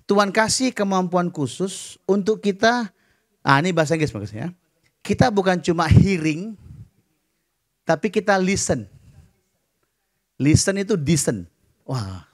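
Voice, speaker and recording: A middle-aged man preaching a sermon at a church service, lively and joking, dropping English words and acting out voices. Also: high voice. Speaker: pastor.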